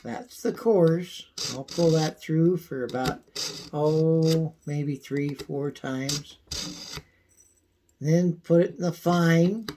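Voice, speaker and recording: A man giving a casual, folksy how-to demonstration, his voice thin and squeaky from a coming cold. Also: noisy background. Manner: folksy, unhurried, frequent throat clearing. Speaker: video host demonstrating pocket knife care.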